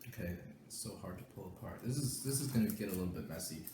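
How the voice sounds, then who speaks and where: Young adult man, lowish voice, relaxed mukbang chatter through mouthfuls, roomy echo, faint hiss behind. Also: fast. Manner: talks while chewing, mouth full. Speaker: vlogger. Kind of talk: casual mukbang chat.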